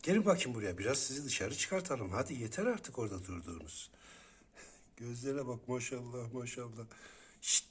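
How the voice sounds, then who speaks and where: A man's voice: mid-range voice, lively intonation, moderate pace, slight background noise. A man talking casually to kittens, coaxing and cooing as he calls them over. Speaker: vlogger tending kittens.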